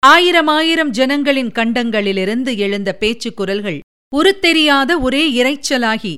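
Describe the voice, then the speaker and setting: Clear-voiced woman narrating a novel. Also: sits high, animated, a little slow, bright, forceful tone. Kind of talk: scripted narration of a historical novel.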